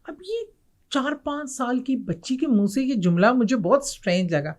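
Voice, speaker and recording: A middle-aged woman from Pakistan, a guest in an interview, telling a personal ghost story with animated retelling and acted quotes. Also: fairly high pitch.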